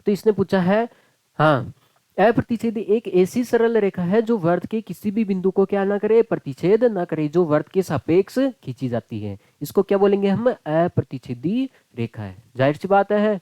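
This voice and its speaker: A man's voice: sits high, animated, normal speed, dark tone, no room sound, poor audio. A man teaching a maths class online, chatty and joking, calling his students "beta" and "bhai".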